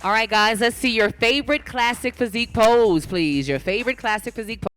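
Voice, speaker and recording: A live stage announcer at a physique competition, speaking at a medium pitch. The delivery is directive, made for competitors and audience, over a PA microphone with music playing behind. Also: fairly quick, fairly bright tone, clean tone. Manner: directive, calling out poses to competitors. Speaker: bodybuilding show announcer and emcee. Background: event music.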